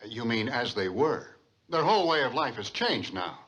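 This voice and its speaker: A man's voice: medium pitch, big pitch swings, normal speed, fairly bright tone, husky, dull audio. A man playing a sensible, cautioning college professor in a sitcom. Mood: wary, polite. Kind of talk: sitcom acting.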